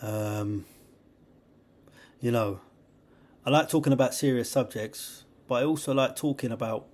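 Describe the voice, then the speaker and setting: A young man, hosting a podcast in a rambling, excitable monologue full of slang and laughter. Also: medium pitch, unhurried. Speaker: podcast host. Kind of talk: casual monologue.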